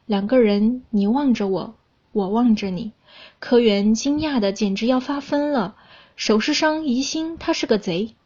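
A young woman from China reading a story aloud in a calm, even storyteller's manner. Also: a little high, unhurried, husky, lo-fi sound. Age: young adult.

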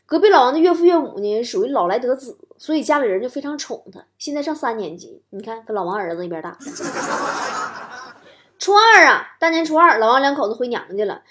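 A woman hosts a stand-up comedy monologue. Her voice sits high and swoops widely as she tells stories and lands playful punchlines. She keeps an animated storytelling manner throughout. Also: fairly quick. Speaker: talk show host.

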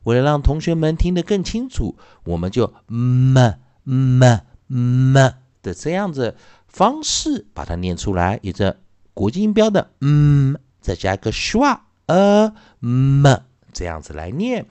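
A man teaching an English phonics lesson, slowly drawing out and repeating each sound for his students. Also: medium pitch, huge pitch swings, a little mellow, no echo.

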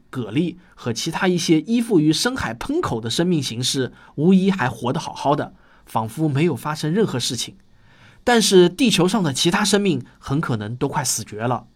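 A male narrator with a fairly high voice and very animated intonation. He delivers scripted popular science in the manner of a nature documentary, explaining step by step as if telling a story. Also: slightly rough. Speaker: host of a popular science audio series.

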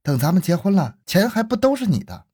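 A man voicing a bold woman shop owner in a spoken crime story, pushing his voice high and scolding. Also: very animated, a little fast, dark tone, slightly rough, heavily acted. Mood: coy. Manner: scolding, shrill.

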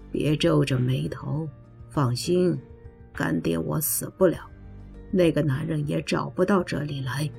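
A woman with a low, very husky voice narrates a first-person story in a measured, reflective way. Her tone is dark and mellow with a gravelly edge, and soft music plays under her. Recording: faint background music.

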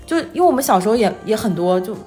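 Woman, 30s, interview guest. Quick, animated, self-deprecating storyteller, music in the mix. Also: mid-range voice. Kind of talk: casual conversational storytelling.

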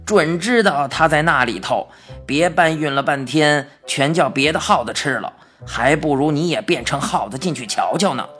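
A woman's voice: deep voice, expressive, normal speed, fairly bright tone, faint music behind, pitched below the performer's own voice. A woman voicing a playful, mischievous little old man with magic powers in a Beijing-tinged storybook reading, drawling and folksy with hesitant "uh"s. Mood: scheming. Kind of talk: storybook narration.

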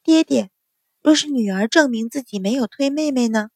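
A woman voicing a calm young eldest daughter, cool and faintly mocking. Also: high voice, normal speed, dry recording, clean studio sound.

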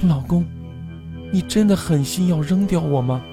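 A man's voice: sits high, steady tone, slow pace, vocal fry, music in the background, pitched above the performer's own voice, full character voice. A man putting on a mournful ghost wife. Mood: plaintive. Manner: soft, plaintive, eerie.

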